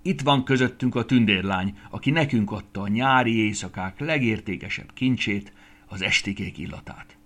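A man's voice: lowish voice, fairly bright tone, close to an everyday voice. A man voicing a proud female evening star who hosts a grand ball in a storybook, speaking with command. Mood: solemn. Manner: commanding, stern.

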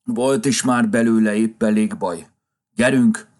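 A man's voice: lowish voice, breathy edge, heavily acted. A man voicing a grumpy, flustered old Santa Claus in a storybook reading, with a scolding, impatient manner. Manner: scolding, then tender and excited.

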